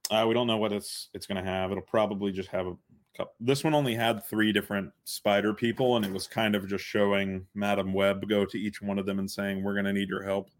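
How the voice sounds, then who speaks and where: Low-voiced, laid-back podcast co-host. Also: male voice, little pitch movement, fairly quick. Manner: laid-back, hesitant, many "um"s, dry humor. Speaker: podcast co-host covering comics. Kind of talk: casual chat.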